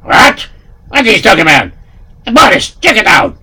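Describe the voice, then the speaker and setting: Guy doing a brash, dim henchman with a high, raspy, gravelly voice that swoops all over the place. it's harsh and tense, loud and indignant every time he talks. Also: huge pitch swings, moderate pace, full character voice. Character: thuggish adult male henchman, blunt and gullible. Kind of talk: storytelling with put-on voices.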